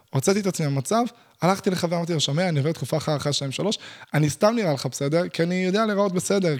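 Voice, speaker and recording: A young man talking casually about self-help, blunt and animated, using crude slang and acting out his own inner dialogue. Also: on the high side. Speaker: podcast host.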